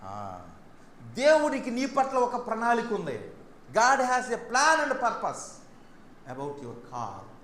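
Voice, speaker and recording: Male pastor, high voice, preaching in bursts of loud and quiet. Echoey room, faint noise behind. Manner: preaching in Telugu mixed with English lines, sudden swings between loud and soft. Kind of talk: sermon.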